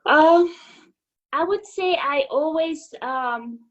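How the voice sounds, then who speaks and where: A woman, talking about fitness on a video call. Her voice sits high and she takes her time, pausing with fillers and restarting sentences. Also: highs cut off. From Hungary. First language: Hungarian. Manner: unhurried, many fillers and restarts. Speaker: fitness instructor, guest. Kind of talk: casual interview over video call. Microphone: video call microphone.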